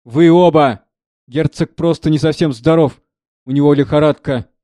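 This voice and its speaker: A man's voice: fairly high pitch, moderate pace, mellow, no echo, clean studio sound, natural voice. A man reading aloud, voicing a stout, bossy male steward who barks orders at the servants. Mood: scolding. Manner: barking orders.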